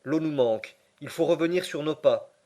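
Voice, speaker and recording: A man's voice: on the high side, normal speed, warm tone, lightly acted. A man voicing a frightened young man in an audiobook, pleading and agitated.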